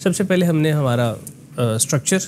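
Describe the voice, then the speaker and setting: A man coaching voice work in a relaxed, explanatory conversation, often slipping English phrases into his talk. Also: fairly high pitch, moderate pace, noisy background. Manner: explanatory, mixes in English phrases, frequent "ना" tags. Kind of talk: conversational voice lesson.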